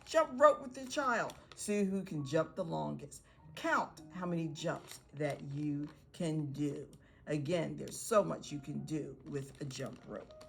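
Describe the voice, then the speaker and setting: A woman's voice: low voice, lively intonation, measured pace, creaky. A woman teacher giving parents encouraging tips on reading and writing activities with their young children. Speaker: pre-K teacher. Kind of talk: instructional video for parents.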